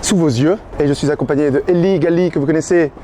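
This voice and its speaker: A man hosting a street video outdoors, presenting in a joking, energetic way. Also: a little high, slight background noise. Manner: quick, joking.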